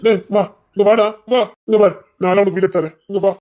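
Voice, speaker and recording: An anguished man with a Tirunelveli Tamil accent, begging and calling out again and again, as an actor plays him. His voice sits fairly high for a man and keeps pleading. The delivery is melodramatic. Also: fairly even intonation, brisk, lo-fi sound, lightly acted. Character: anguished man begging a brother to come back. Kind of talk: melodramatic web-series acting.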